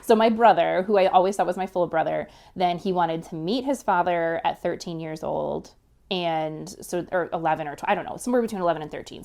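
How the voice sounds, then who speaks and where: A woman in her thirties, a podcast guest telling a personal story in a casual, animated way, laughing often and filling with "like". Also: fairly low pitch, creaky.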